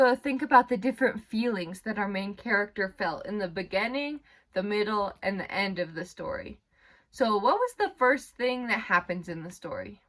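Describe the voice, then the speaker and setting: With a medium-pitched, fairly bright voice, a woman teaching elementary school reads aloud to young children. She keeps her explanations simple and guides the class along by asking questions.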